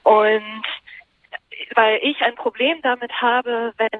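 A woman's voice: on the high side, fairly even intonation, slow pace, no room sound. A woman journalist answering interview questions in a thoughtful way, searching for her words as she talks. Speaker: journalist and columnist, interview guest. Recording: tinny phone line.

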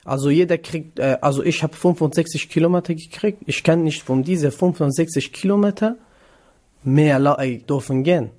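A young man from northern Iraq, talking in a radio interview. His voice sits a touch higher than most men's. His German is halting, with many pauses and fillers. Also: a little mellow. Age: 20s. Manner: hesitant non-native German with many fillers. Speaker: interviewee, trainee cook.

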